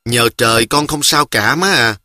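A man's voice: medium pitch, normal speed, pushed and bright, no room sound, clean studio sound. A man voicing a young male army deserter who talks earnestly to his mother.

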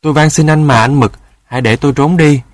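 Storybook rooster, scared and tearful, pitched up high, as a man voices him. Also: fast, no echo, studio quality, close to an everyday voice. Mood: pleading. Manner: whiny, sobbing pleas. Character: wailing, pleading frightened young rooster.

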